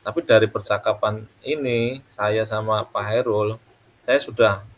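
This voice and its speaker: Deferential low-voiced male teacher. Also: steady tone, a little slow, a little hiss or hum. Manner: deferential, thankful, hesitant. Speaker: teacher being coached. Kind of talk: coaching role-play chat.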